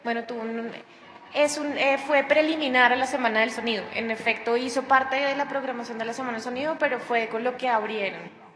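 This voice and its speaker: A woman's voice: on the high side, steady tone, fairly quick, a bit bright, roomy sound, slight background noise. A woman chatting casually on a radio program about a sound project, with many restarts. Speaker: guest, sound project organizer.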